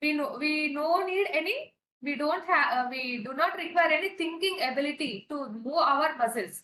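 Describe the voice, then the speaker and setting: A woman's voice: sits high, quick pace, pushed and bright, echoey room, rough recording. A woman with a Telugu accent teaching a pharmacy exam-prep lesson, switching between Telugu and English and repeating key points. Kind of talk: online exam-prep lecture.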